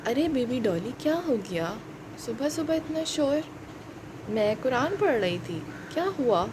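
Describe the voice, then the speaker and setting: Woman as a soft, soothing mother. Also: on the high side, sing-song, a little slow, noisy background. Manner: soft, soothing, gently advising. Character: calm, kind mother figure.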